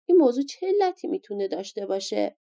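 A woman's voice: medium pitch, very animated, mellow, dull audio. A woman voicing an old grandmother of a giant, fussy and scolding, in a storybook reading. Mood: coaxing.

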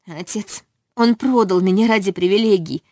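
A woman's voice: mid-range voice, moderate pace, mellow, dry recording, studio quality, natural voice. A woman reading a desperate young heroine. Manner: pleading, emotional. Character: frightened young woman fleeing a forced marriage. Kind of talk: audiobook reading.

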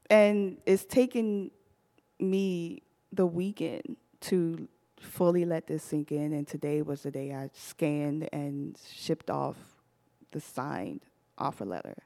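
Low-voiced woman telling a story, laughing. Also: slow, creaky. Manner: animated, laughs often while telling the story. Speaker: podcast host. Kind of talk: casual storytelling to a live audience.

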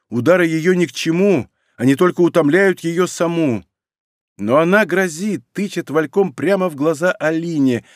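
A man narrates a novel with an expressive, dramatic reading. His voice sits a touch high for a man. The studio sound is dry and close. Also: no room sound. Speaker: audiobook narrator. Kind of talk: scripted narration. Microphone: studio microphone.

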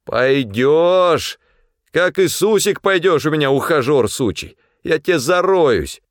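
A man voicing a stubborn, rough-spoken male guide who barks orders over a storm. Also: a little high, very animated, unhurried, no room sound, studio quality, voice pushed up. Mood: furious. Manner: coarse, bossy, shouting over wind.

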